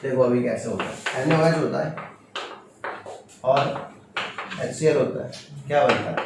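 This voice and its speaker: In a classroom lecture, a man teaches chemistry in a firm, stern way, quizzing students with short questions. His mid-range voice is creaky and unhurried. The sound comes from far off in an echoey classroom and is noisy.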